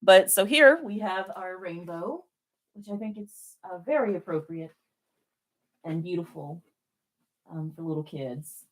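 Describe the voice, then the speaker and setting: Tennessee lady w a low voice doing live craft chat, playful and kinda self-deprecating. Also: measured pace, long pauses, poor audio. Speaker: balloon twisting streamer.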